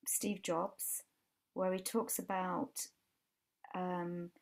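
This woman's voice is gravelly and lowish, with little pitch movement and a very slow delivery. She's a forties-something life coach from England with a Yorkshire accent, chatting earnestly on a casual podcast via video call from a brick-walled room at home and frequently starting her sentences over.

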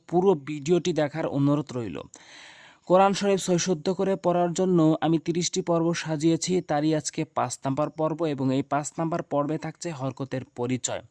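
A man teaching Quran letter sounds, drilling syllables in quick repeated chants and firmly correcting mistakes, with a Bangladeshi Bengali accent. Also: on the high side, darkish tone, no echo, studio quality. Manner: firm, insistent corrections. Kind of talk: instructional lesson.

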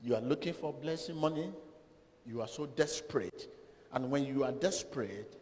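A middle-aged man preaching to a seated congregation in a large church hall, speaking slowly and emphatically into a handheld microphone, with dramatic swings in loudness and long pauses between phrases. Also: mid-range voice. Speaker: pastor. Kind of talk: sermon. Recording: long hall reverb, faint room noise.

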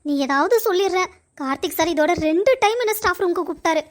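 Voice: extremely high pitch, animated, quick pace. A woman voicing an anxious young woman student in a cartoon story, talking to herself in a fretful ramble. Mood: worried. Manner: fretful inner monologue, rambling.

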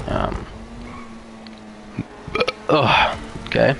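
Speaking very slowly in a fairly bright voice, with slight background noise, a young man streams a driving game live. His casual commentary to viewers is full of swearing and road-rage outbursts.

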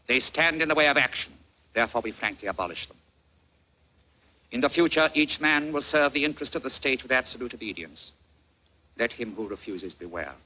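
A man's voice: mid-range voice, slight background noise, lightly acted. A man plays a pompous fascist official from a 1940s film. He rants like a dictator at a rally, haughty and commanding. The old soundtrack is dull and lo-fi. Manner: ranting, haughty dictator-style oratory. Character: pompous ranting fascist minister addressing a rally. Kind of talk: 1940s film political speech.

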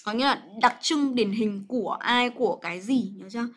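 A woman's voice: a little high, brisk. A young woman teaching English grammar on a livestream, chatty and coaxing, full of fillers and checks with her students.

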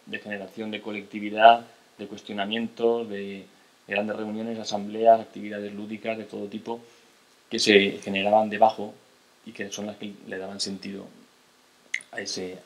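Low flat-voiced man lecturing. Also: a little fast, poor audio. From Spain. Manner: hesitant, many restarts and tag questions. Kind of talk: lecture to an audience. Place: lecture hall, seated at a table. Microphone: table mic on a stand.

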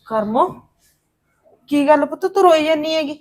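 An actress playing a kindly older aunt who calmly consoles her niece in a Punjabi drama. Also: sits high, moderate pace. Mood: consoling. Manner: soothing, consoling.

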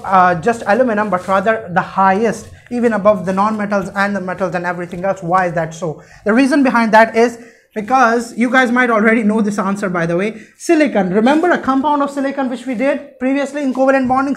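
A man's voice: high-pitched, brisk, fairly bright tone. A young man lecturing as a teacher, emphatic and repetitive, often posing questions and answering them. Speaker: chemistry teacher. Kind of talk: explanatory classroom lecture at a whiteboard. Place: indoor room, standing at a whiteboard.

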